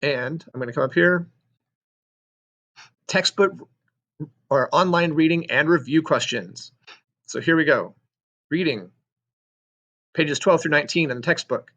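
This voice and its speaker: A man's voice: fairly high pitch, measured pace, long pauses, a bit bright, highs cut off. A middle-aged man teaching sixth-grade social studies, talking through a screen-recorded class walkthrough in a chatty way with joking asides, ums and self-corrections.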